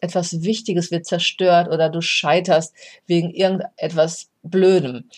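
A podcast host talking about resilience in a reflective, explanatory way, addressing the listener directly. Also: mid-range voice. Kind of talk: motivational podcast monologue.

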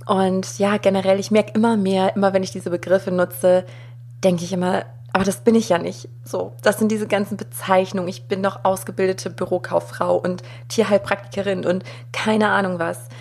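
A woman hosting a podcast, speaking gently and from the heart, straight to the listener. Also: medium pitch, flat delivery, normal speed, breathy edge. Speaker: podcast host. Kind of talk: warm solo podcast intro.

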